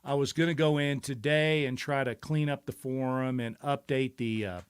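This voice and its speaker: A man's voice: medium pitch, steady tone, normal speed, clean tone. Rambling middle-aged man host. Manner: rambling, reflective, many fillers and restarts. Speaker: show host. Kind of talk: casual live-stream chat.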